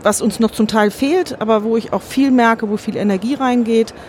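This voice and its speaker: A woman giving thoughtful, earnest answers in an interview, measured and often correcting herself mid-sentence. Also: a little high, darkish tone, a little hiss or hum. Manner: earnest and optimistic. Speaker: interview guest.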